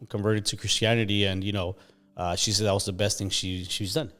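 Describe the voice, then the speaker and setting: Man, 40s, from Mexico, low voice, laid-back guest. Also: a little fast. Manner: relaxed, laid-back, many you knows. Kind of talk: casual interview.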